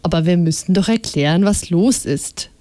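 A woman's voice: lowish voice, normal speed, mellow, dry recording, close to an everyday voice. A woman reading aloud and voicing a nervous middle-aged father who stammers through his explanations. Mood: tense. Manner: stammering, flustered.

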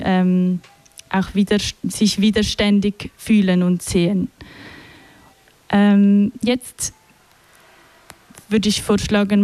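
Woman radio host, slow unhurried delivery, dark soft tone, dry studio sound. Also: mid-range voice, dry recording. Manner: relaxed, hesitant with many fillers. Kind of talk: live radio moderation.

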